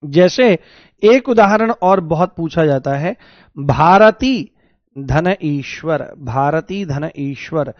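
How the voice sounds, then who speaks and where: A high-voiced man leads an exam-prep grammar lesson. He explains each step, repeats the key words and calls out questions to his students. The sound is dry and slightly dull. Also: expressive, slow pace, no room sound. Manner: addresses students as "babu" and "babuji". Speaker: Hindi teacher.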